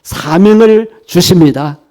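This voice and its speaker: A man's voice: high-pitched, takes it slowly, dark tone. A man preaching a sermon to his congregation at a church service, earnest and exhortative, speaking straight to the people in the pews. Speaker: pastor.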